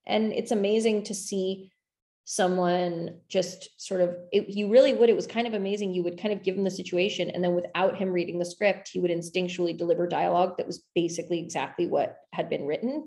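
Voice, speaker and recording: A woman's voice: fairly low pitch, fairly even intonation, a little fast, dark tone, roomy sound. A young adult woman talking casually and enthusiastically about making her film, rambling with lots of fillers. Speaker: filmmaker discussing her film. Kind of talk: casual conversation.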